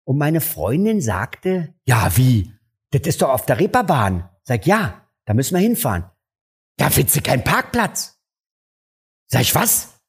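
Male stand-up, husky, animated storyteller in a chat. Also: a little slow. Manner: animated, acts out dialogue with jumps in pitch. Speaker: stand-up comedian. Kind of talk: casual interview storytelling.

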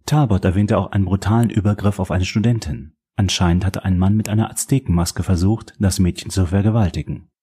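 Low, husky male audiobook narrator. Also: steady tone, fairly quick, hardly any pauses, warm tone. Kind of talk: scripted narration of a crime novel.

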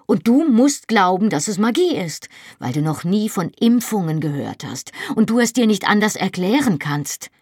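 A woman's voice: medium pitch, big pitch swings, moderate pace, hardly any pauses, a little mellow, breathy edge, no room sound, studio quality. A woman reading a first-person novel aloud as an audiobook, with an emotional, dramatic delivery. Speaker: audiobook narrator.

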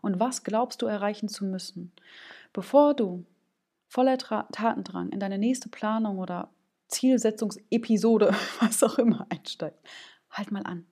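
A woman's voice: medium pitch, a little slow, warm tone. A woman hosting a solo coaching podcast, speaking informally to the listener with frequent "ja?" check-ins and acting out little quoted voices of gut and head. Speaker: podcast host, business coach.

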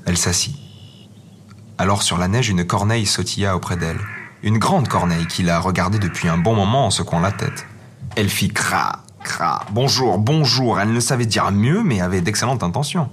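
A man narrating a fairy tale as a storybook reading, in a gentle, measured manner. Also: sits low, slight background noise. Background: faint music.

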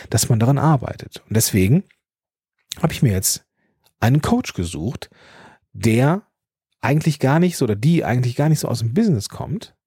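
A man's voice: mid-range voice, darkish tone, breathy edge, dry recording, studio quality. A German man in his thirties hosting a podcast, thinking aloud in a personal monologue, with restarts, fillers and a slight stutter on some consonants. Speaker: podcast host.

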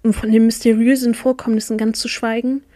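A woman's voice: on the high side, level tone, a little fast, warm tone, close to an everyday voice. A woman whispering as a bold teenage girl, whispered role-play. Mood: secretive. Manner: whispering urgently. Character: teenage girl, daring sibling.

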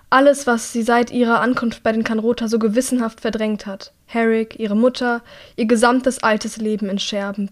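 A woman reading a novel aloud in calm, measured narration. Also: on the high side. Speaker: audiobook narrator. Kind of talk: scripted narration.

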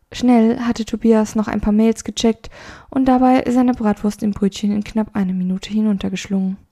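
A woman narrates a calm mindfulness story in a soft, soothing manner, sometimes dropping to a half-whisper. Her voice is warm and dark with a gravelly fry. She sounds unhurried. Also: mid-range voice. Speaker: podcast host and storyteller.

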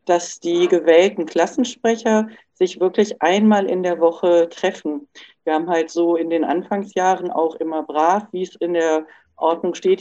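A woman's voice: fairly low pitch, mellow, lo-fi sound. A woman who teaches primary school, explaining earnestly on a video call. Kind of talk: video call panel remark.

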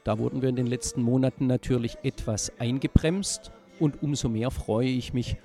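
A man presenting a local culture podcast in a friendly, measured way, then interviewing people on the street. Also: mid-range voice, fairly even intonation, warm tone, faint music behind. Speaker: podcast reporter.

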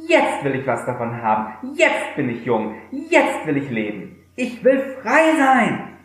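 A man's voice: a little high, huge pitch swings, measured pace, a bit bright, exaggerated voice. A man reading aloud who voices a desperate, remorseful young son, recorded in a very echoey room. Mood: impatient.

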